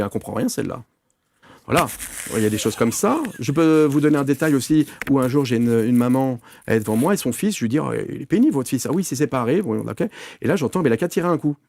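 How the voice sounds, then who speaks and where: A man, a medium, telling lively anecdotes in a casual interview, full of fillers and restarts. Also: mid-range voice, quick pace, a little hiss or hum.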